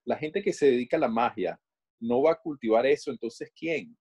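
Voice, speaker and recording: A man with a Venezuelan Caribbean Spanish accent in reflective conversation, pensive and pausing to search for his words. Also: mid-range voice, darkish tone, husky. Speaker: interview guest.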